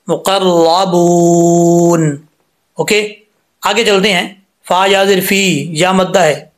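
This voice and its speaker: Man, Quran recitation teacher, patient step-by-step explanations, slowly stretched recitation, fairly high voice. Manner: explains patiently, then recites words slowly with drawn-out vowels. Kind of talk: step-by-step tajweed lesson.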